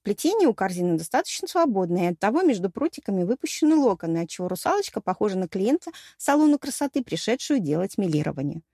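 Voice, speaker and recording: A woman's voice: medium pitch, very animated, fast talker, few pauses, dark tone, husky, no echo, studio quality. A woman narrating a fantasy novel in the first person, with a wry, storytelling delivery. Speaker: audiobook narrator.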